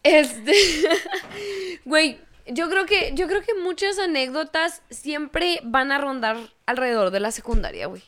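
A woman's voice: sits high, slow pace, a bit bright. A woman with a Mexican accent telling anecdotes in a casual chat, joking and cursing in heavy slang. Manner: joking, slangy, swears freely.

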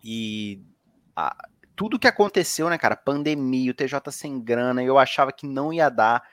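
A man's voice: medium pitch, expressive, normal speed, a bit bright, dry recording, clean studio sound. A man hosting a casual podcast, telling a story with lots of slang and swearing. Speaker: podcast host.

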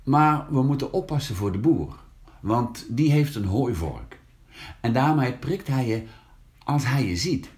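A man's voice: medium pitch, expressive, measured pace, darkish tone, pitched above the performer's own voice, lightly acted. A man voicing a boastful, teasing older brother while reading a children's story aloud.

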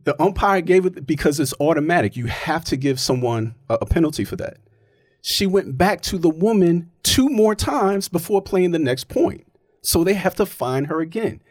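Male, argumentative casual talker, animated delivery, dry close sound. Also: a little high, moderate pace, no room sound. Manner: emphatic, argumentative, keeps checking with "right?". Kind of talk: casual opinionated chat.

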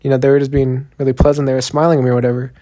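Talking rapid-fire in a mellow, medium-pitched voice with a level tone, this young Texan podcast host, with his Southern Texan accent, rambles solo in a relaxed, profane manner loaded with fillers.

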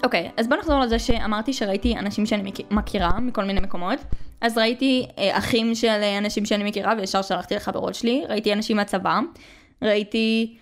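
Young Israeli woman chatting casually. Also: mid-range voice. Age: early 20s. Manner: slangy, conversational, with English words mixed in. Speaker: podcast host.

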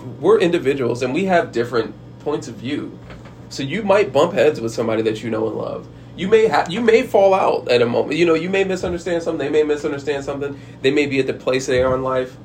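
A man's voice: medium pitch, a little mellow, slight background noise. A man talking casually and frankly about handling hard conversations, rambling with frequent restarts and the odd swear word. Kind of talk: casual advice monologue.

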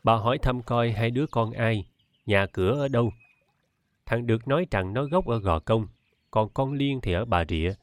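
A man reading a novel aloud as an audiobook narrator, in a steady, measured way. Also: medium pitch, no room sound. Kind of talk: scripted narration.

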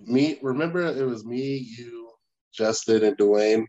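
A man co-hosting a casual podcast chat, halting and full of "like"s. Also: mid-range voice, warm tone, muffled recording. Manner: halting, lots of likes, repeats words. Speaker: podcast co-host.

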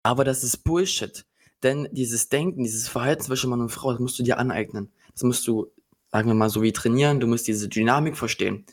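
A man's voice: mid-range voice, fairly quick. A young man talking on a casual podcast in an ordinary mid-range voice. He sounds sure of himself and lectures his listener firmly. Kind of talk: casual chat.

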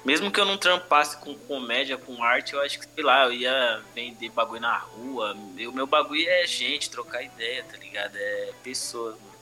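A man's voice: medium pitch, moderate pace, few pauses, bright, forceful tone, soft background music, rough recording. A man with a Brazilian Portuguese accent from São Paulo tells personal stories casually, podcast style, in heavy street slang with frequent conversational tags. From Brazil, urban periphery. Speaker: comedian interview guest.

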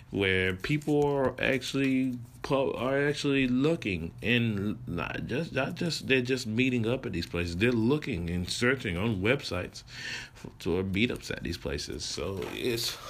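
A low-voiced man hosts a laid-back storytelling show. He rambles, restarts his sentences and chuckles as he goes. A faint hiss of background noise sits under his voice. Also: a bit bright. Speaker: podcast host telling stories. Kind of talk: casual storytelling monologue.

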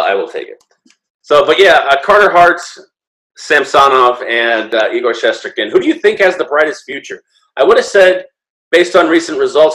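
A man's voice: mid-range voice, a bit bright, echoey room, poor audio. A man co-hosting a casual sports podcast, rambling and playful, with lots of fillers. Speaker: podcast co-host.

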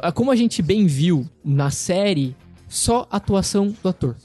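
A man, co-hosting a casual podcast chat in an animated, slangy, emphatic way. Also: sits high, moderate pace, faint music behind. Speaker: podcast co-host.

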